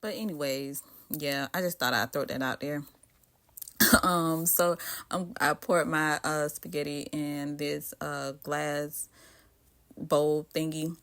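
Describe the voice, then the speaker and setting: Chatty Southern woman, lowish voice. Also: steady tone, slow pace, a bit bright. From Southern United States. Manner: chatty, talks straight to viewers with frequent asides. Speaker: cooking vlogger. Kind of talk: casual chat while cooking.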